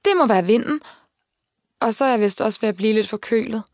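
A woman voicing a shy, embarrassed twelve-year-old girl in an audiobook, with flustered, hurried replies. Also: a little high, lively intonation, darkish tone, dry recording. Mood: evasive. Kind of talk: audiobook character voice. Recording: dry studio voice.

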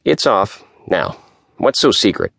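A man's voice: on the low side, big pitch swings, measured pace, creaky, fairly bright tone, no room sound, clean studio sound, pitched above the performer's own voice, full character voice. A man voicing a needling, wisecracking middle-aged male lawyer with a nasal voice.

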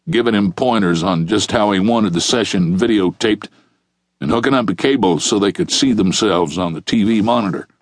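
A man narrating a crime audiobook in a steady, measured reading. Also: lowish voice, no echo.

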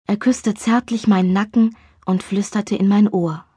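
A woman reads a first-person romance audiobook in a soft, even tone, dropping to a hush at times. Her voice is breathy and mid-pitched, recorded close and dry with no room sound. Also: normal speed, no room sound. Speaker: audiobook narrator. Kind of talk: scripted first-person narration.

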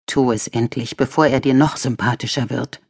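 A woman voicing the hushed, urgent inner voice of a tormented man in a thriller audiobook. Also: rumbling low, steady tone, normal speed, slightly rough, full character voice. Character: tormented man's guilty inner voice.

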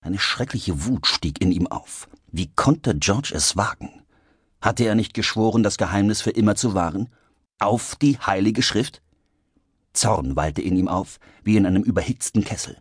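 Male audiobook narrator, lower husky voice, animated delivery, dry close studio sound. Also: normal speed, dry recording. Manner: vivid, expressive storytelling.

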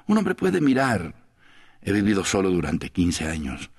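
A man's voice: sits low, huge pitch swings, measured pace, breathy edge, heavily acted. A man voicing a weary, lonely middle-aged foreigner in an audiobook, talking in a rambling, sighing, pleading way. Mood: idle musing. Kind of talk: audiobook character voice.

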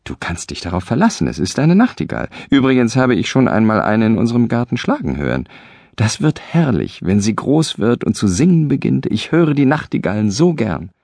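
Male reader doing a storybook husband: stubborn, excitable, raised voice, wide swings. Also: low-pitched, quick pace, creaky, hardly any pauses, breathy edge, dry recording, clean studio sound, heavily acted. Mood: eager. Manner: insistent, increasingly heated. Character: stubborn, excitable shortsighted husband, middle-aged. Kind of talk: storybook reading.

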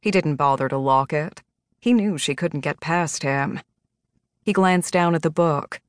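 Brief: woman audiobook narrator, lowish voice, dry close sound, steady measured reading. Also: no echo.

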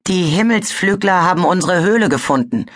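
A woman's voice: fairly low pitch, lively intonation, moderate pace, voice pushed up. A woman voicing a nervous, stammering male dragon in a storybook reading. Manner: stammering, hesitant.

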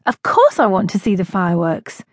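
A woman's voice: medium pitch, very animated, brisk, no room sound, studio quality. A woman narrator voicing a flustered young woman caught in a crowd, speaking urgently and breathlessly.

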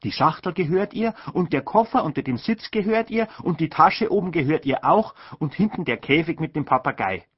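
A man's voice: on the high side, animated, brisk, few pauses, slightly rough, no room sound, pitched above the performer's own voice. A man voicing a gushing, fussy, bossy older aunt who talks in effusive exclamations, in a dull lo-fi audiobook recording.

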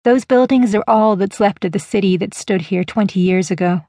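A woman narrating a first-person audiobook in a measured, even storytelling manner. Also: medium pitch, no echo, clean studio sound.

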